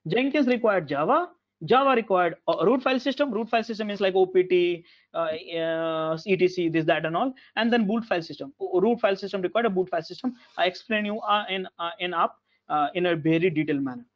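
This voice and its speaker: A man teaching an online class over a video call, halting and repetitive with many fillers, heard through low sample rate audio. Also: muffled recording. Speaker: instructor.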